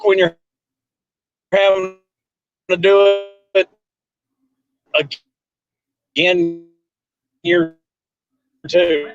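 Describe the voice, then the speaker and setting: A man co-hosting a casual sports chat over a phone call, his deadpan voice glitching and cutting out. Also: high voice, drawn-out words, pauses often. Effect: audio glitching and cutting out on a call. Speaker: co-host. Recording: dull lo-fi call audio.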